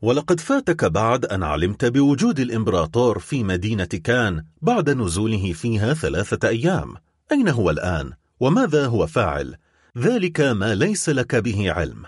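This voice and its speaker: A man's voice: on the low side, breathy edge, dry recording, clean studio sound, heavily acted. A man voicing a scornful old conspirator. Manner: sarcastic, cold and taunting. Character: scornful old male Bonapartist conspirator, the father. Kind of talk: audiobook character reading.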